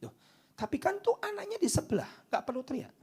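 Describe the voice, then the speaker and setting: A man preaching a sermon into a microphone in church, swinging from loud declarations down to hushed whispers. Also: very high voice, huge pitch swings, a little fast. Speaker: pastor.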